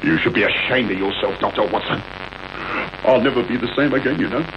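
An actor playing an indignant, simple-minded police inspector, blustering in a 1980s radio drama. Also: male voice, on the low side, fairly quick, close to an everyday voice. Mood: wounded indignation. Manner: aggrieved, blustering. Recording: muffled, hissy old radio broadcast recording.

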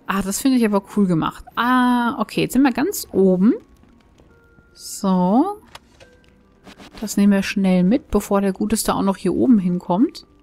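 A woman's voice: medium pitch, measured pace, darkish tone, faint music behind. A woman giving chatty, enthusiastic commentary while playing a video game and thinking aloud. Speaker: let's play host. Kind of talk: casual gameplay commentary.

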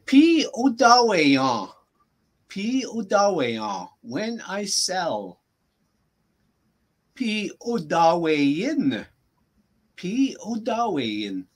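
A man teaching a language in a relaxed, unhurried way, with a voice that rises and falls a lot. He says each phrase slowly and repeats it patiently so his student can follow. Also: high voice, husky. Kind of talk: casual language lesson.

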